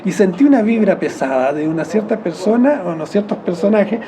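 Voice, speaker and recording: A man with a Chilean accent, explaining in a rambling, reflective way as an interviewee, often correcting himself mid-phrase and chuckling softly. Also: sits high, expressive, a little fast, background noise.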